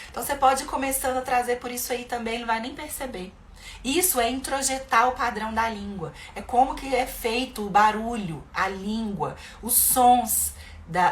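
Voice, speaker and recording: A Brazilian woman giving parents advice in a live stream, talking lively and acting out little sound words playfully. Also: mid-range voice. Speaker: bilingual parenting educator. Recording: echoey room with faint noise.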